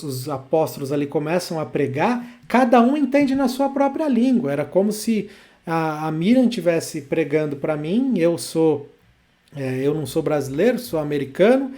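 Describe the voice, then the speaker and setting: A man's voice: high-pitched, warm tone. A man teaching a church Bible lesson in an emphatic way, repeating his key points to drive them home.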